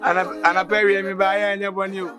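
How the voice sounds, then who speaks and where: An actor in a comedy series with a Ghanaian accent, talking in an excited, chanting way, with music under the dialogue. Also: male voice, high-pitched, racing, close to an everyday voice.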